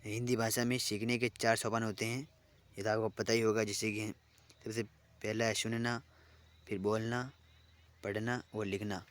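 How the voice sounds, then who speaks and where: A man teaching an online exam-prep lesson, reading out word lists slowly and repeating phrases as he explains. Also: on the low side, little pitch movement, a bit bright.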